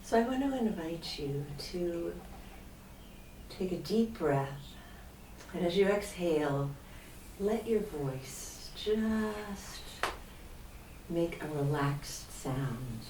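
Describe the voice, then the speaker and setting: A woman leading a guided humming meditation, speaking slowly and softly, at times breathy. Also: fairly low pitch, lively intonation, far from the mic, slight background noise. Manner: slow, hushed, breathy at times. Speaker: sound healing facilitator. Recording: echoey room, off-mic, instrument music behind.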